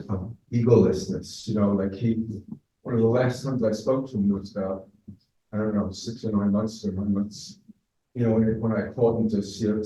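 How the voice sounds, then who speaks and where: A man pays his respects in a spoken tribute, halting often and filling the gaps while he searches for words. His voice is low and warm. He sounds far from the mic in a strongly echoing room. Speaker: former student paying tribute. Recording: very echoey, distant from mic.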